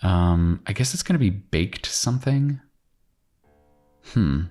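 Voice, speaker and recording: A man with a low voice talks casually as he works through a puzzle, thinking out loud. He muses and asks himself questions along the way. Plucked guitar music plays behind him. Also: expressive, takes it slowly. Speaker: crossword solver hosting a solve-along video.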